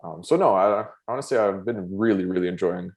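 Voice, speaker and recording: A man's voice: low voice, fairly quick, a little mellow. A man co-hosting a podcast, talking eagerly in casual chat with many fillers and acted-out reactions. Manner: enthusiastic, filler-heavy, acts out reactions. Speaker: podcast co-host.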